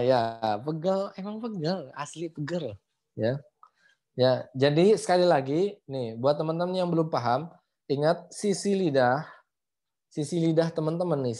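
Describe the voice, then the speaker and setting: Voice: medium pitch, mellow. A Quran recitation teacher giving a casual online lesson over a video call, repeating points and sounding out syllables aloud. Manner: repetitive, demonstrates sounds aloud, frequent "ya" and "gitu".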